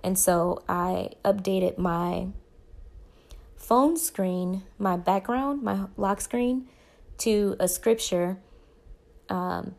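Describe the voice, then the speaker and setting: A woman's voice: mid-range voice, drawn-out words, vocal fry, long pauses, darkish tone. A young woman telling a personal story in a casual vlog, rambling and correcting herself as she goes. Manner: rambling, self-correcting, faith-focused. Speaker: vlogger.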